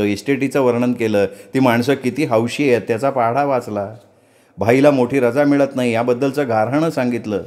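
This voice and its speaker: कादंबरीचे अभिवाचन करणारा पुरुष कथाकथनकार. मध्यम उंचीचा आवाज, भावपूर्ण आणि रंगवून सांगण्याची शैली, संवाद साकारणारा. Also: male voice, medium pitch. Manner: expressive storytelling, acts out dialogue. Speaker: storyteller. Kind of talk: reading a novel aloud.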